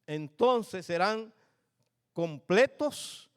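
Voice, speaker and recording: A man's voice: high voice, extremely slow, clean tone. An older man, a pastor, preaching a sermon in church, telling family stories with humor and asking the congregation questions. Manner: storytelling, lively and humorous, addresses congregation.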